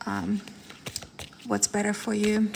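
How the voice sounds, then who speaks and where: A woman's voice: medium pitch, monotone, slow pace, gravelly, noisy background. Chatty woman. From Ukraine. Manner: chatty, rambling, laughs often, many fillers and restarts. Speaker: tarot reader. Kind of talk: live-stream chat with viewers.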